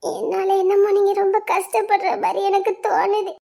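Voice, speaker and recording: A woman's voice: very high-pitched, little pitch movement, moderate pace, gravelly, warm tone. A young woman, acting an anxious village girl in love who pleads to be trusted. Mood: pleading. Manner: tearful, pleading. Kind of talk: web series drama acting.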